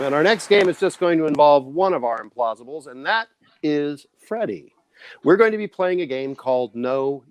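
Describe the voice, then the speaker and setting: A man's voice: mid-range voice, no echo. A man hosting an improv show over a video call, explaining the games in a playful, upbeat way. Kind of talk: hosting game instructions.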